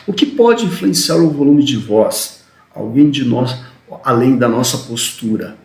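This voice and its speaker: Fast-talking man teaching. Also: medium pitch, expressive, darkish tone, reverberant. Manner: talks fast, often adds "né?". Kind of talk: recorded video lecture.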